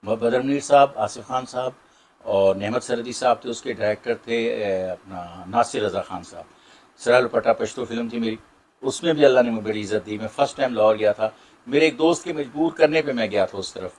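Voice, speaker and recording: A middle-aged actor with a Saraiki accent, answering interview questions in a warm, grateful way with many pauses. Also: male voice, medium pitch. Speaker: Saraiki drama and film actor.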